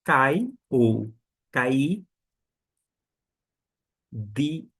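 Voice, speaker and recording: Male language teacher, husky tone, unhurried and careful, drills each word. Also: medium pitch, very animated, fairly bright tone. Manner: slow and deliberate, spelling out pronunciations. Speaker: Koine Greek teacher. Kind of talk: beginner language lesson.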